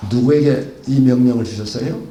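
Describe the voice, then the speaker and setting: A man's voice: medium pitch, fairly quick, dark tone, reverberant. A male pastor delivering a sermon, asking rhetorical questions and acting out the dialogue of biblical figures.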